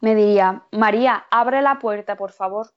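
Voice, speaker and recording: A woman's voice: medium pitch, moderate pace, highs cut off. A woman student answering a teacher's questions and reading example phrases aloud.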